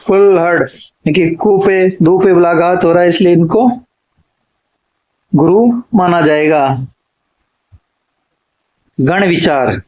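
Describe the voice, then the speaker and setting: A man teaching an exam-prep lecture, stating each rule and then repeating it slowly, as if dictating notes. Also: high-pitched, highs cut off. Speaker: Hindi literature teacher.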